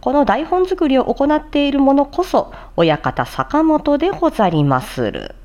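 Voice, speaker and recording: This woman's voice sits high, swings widely in pitch, and is a little slow and slightly mellow. As a voice performer hosting a practice show, she demonstrates and explains recitation of tricky phrases, moving between casual explanatory talk and formal script reading with care for articulation.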